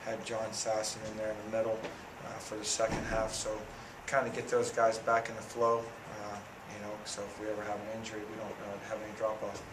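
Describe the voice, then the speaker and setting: A man in his thirties talks after a game in a low, even voice that barely rises or falls. He is a football coach at a press conference, picked up from across an echoey press room by a distant camera, with a steady hiss of noise under him. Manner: plain, measured, many fillers and restarts. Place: press room in front of a sponsor backdrop. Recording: echoey room audio from a far camera, noisy.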